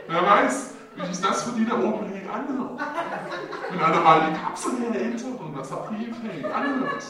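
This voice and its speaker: A man doing a rambling, absurd stand-up monologue, dropping "hey" into nearly every phrase with halting, repetitive wording. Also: high voice. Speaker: stand-up comedian. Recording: very echoey hall, mic far off, audience laughing. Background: audience laughter.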